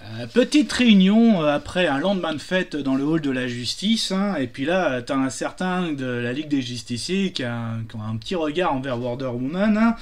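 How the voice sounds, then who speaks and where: A man's voice: fairly high pitch, lively intonation, normal speed, hardly any pauses. A man telling jokes casually, hesitant, with many fillers and restarts. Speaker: joke teller.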